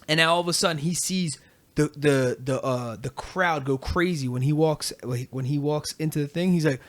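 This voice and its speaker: A podcast host tells a story in a loose, casual chat, slipping into other people's voices as he acts out their lines. His voice sits on the higher side for a man, and his delivery is lively and animated. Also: moderate pace.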